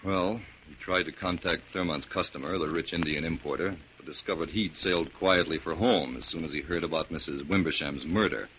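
In a muffled, noisy 1940s radio drama, a man with a very deep voice plays a captured killer giving a resigned, matter-of-fact confession. He speaks a little fast with few pauses.

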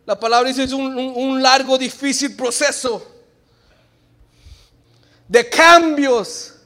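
Male preacher, very high voice, loud calls that drop to quiet asides. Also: little pitch movement, normal speed. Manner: swings between shouted exhortation and quiet joking asides. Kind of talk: sermon. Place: church.

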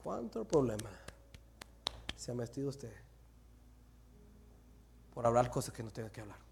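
A man preaching as pastor, swinging from loud exhortation to hushed, near-whispered asides and slipping English phrases into his talk. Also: medium pitch, big pitch swings, a little slow, vocal fry, a little hiss or hum. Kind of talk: sermon.

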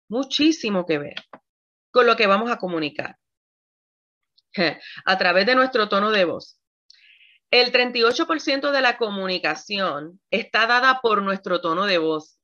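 Animated woman pastor with a bright voice, a bit lo-fi, talks to her congregation directly. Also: medium pitch. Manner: animated, acts out examples with shifting tones; addresses the audience directly, laughs often. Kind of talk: sermon on communication.

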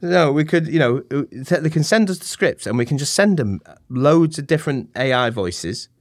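A podcast co-host from England with a Mancunian accent chats casually, explaining things in a self-deprecating way. His voice is a little high, with lively intonation and a normal pace. The recording is dry and studio quality.

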